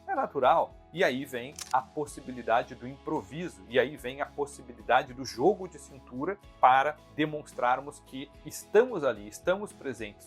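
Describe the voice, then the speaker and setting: A man, a mentor for consultants, giving a measured, didactic talking-head lesson and repeating his key points. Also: medium pitch, a bit bright.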